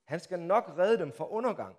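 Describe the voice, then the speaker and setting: A man preaching a sermon, telling the story dramatically, acting out the crowd's shouts and asking the listeners rhetorical questions, swinging from hushed to loud. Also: high voice, animated. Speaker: pastor. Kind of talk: Palm Sunday sermon.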